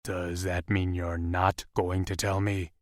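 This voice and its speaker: A man doing a husky, gruff werewolf lover. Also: level tone, takes it slowly, dry recording, studio quality. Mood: tender, gruff. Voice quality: husky, low and soft. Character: big protective male werewolf, gruff and tender.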